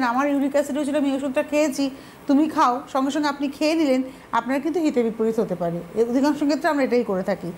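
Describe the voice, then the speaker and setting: A woman hosts a TV health phone-in in a high voice. She guides the talk firmly and questions callers politely, with faint noise behind her. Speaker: TV show host. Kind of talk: hosting a health phone-in show.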